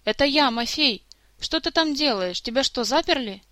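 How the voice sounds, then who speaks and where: A man's voice: very high voice, lively intonation, normal speed, bright, forceful tone, no echo, clean studio sound, pitched above the performer's own voice, full character voice. Woman voicing a curious earnest elf. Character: curious, earnest young male elf companion.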